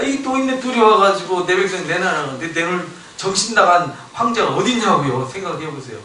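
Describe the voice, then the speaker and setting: A male pastor giving a Bible lecture sermon, animated, acting out the voices of biblical figures and asking the congregation questions. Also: fairly high pitch, slight background noise. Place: church sanctuary. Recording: echoey church hall, mic at a distance.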